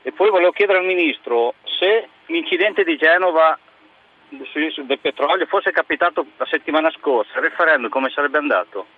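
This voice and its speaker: A man from northern Italy calling into a radio show over the phone, polite but indignant, slowing down to stress his points. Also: a little high. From Mantua, northern Italy. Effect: caller heard over a phone line on a radio show. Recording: tinny narrow phone line.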